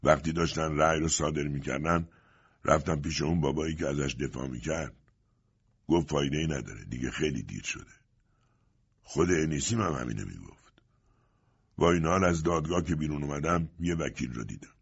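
A man voicing an old merchant father who talks in a low, heavy, resigned way, in an audiobook. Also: pauses often, slightly rough, lo-fi sound, heavily acted. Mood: despairing. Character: old weary merchant father, despairing and quiet.

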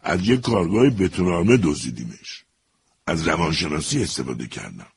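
A man voicing a male prisoner who feigns madness, speaking slowly and self-pityingly. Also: deep voice, animated, vocal fry, a little hiss or hum.

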